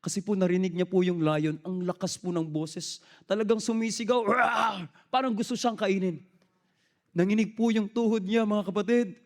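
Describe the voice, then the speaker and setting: A man's voice: sits high, moderate pace, darkish tone. A man preaching a sermon in a storytelling way, respectful and mixing in English phrases. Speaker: lay preacher.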